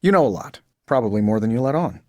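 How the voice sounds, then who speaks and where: A man's voice: mid-range voice, lively intonation, quick pace, warm tone, dry recording, muffled recording, close to an everyday voice. An American man playing a wisecracking, cocky billionaire genius superhero inventor in a video game, glib, sarcastic and self-assured. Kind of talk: video game character voice lines.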